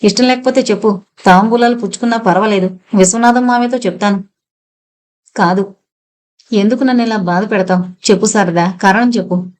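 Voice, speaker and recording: A woman voicing an earnest young man who pleads quickly with his bride-to-be in an audiobook novel. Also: medium pitch, a little mellow, close to an everyday voice. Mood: pleading.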